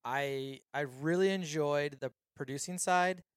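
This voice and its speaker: Animated young man telling stories. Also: on the high side, clear, resonant tone, no echo, clean studio sound. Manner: animated storyteller, quick acted-out quotes. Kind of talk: casual podcast chat.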